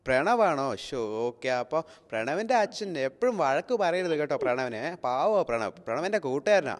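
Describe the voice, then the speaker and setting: A young man hosting a children's phone-in game show, calling the game with excited, sing-song, coaxing talk aimed at kids. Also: fairly high pitch, fairly quick. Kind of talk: live game commentary for kids. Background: background music.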